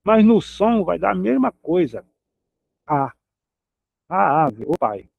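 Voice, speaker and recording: A man's voice: high voice, sing-song, slow pace, gravelly, a little mellow, no echo, dull audio. A man teaching a recorded Hebrew grammar lesson, patiently repeating each example word.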